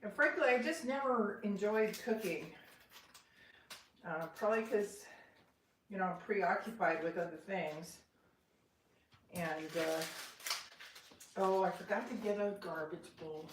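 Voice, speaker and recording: A woman's voice: medium pitch, a little slow, long pauses. A woman vlogging from her home kitchen, chatting casually and rambling with self-deprecating asides as she cooks. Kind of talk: casual live cooking chat. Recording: roomy, distant kitchen sound with faint noise.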